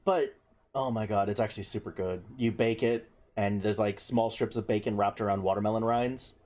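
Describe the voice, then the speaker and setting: A young man chatting on a podcast, blunt and profane, telling stories in an animated way. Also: on the low side, a little fast. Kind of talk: casual chat.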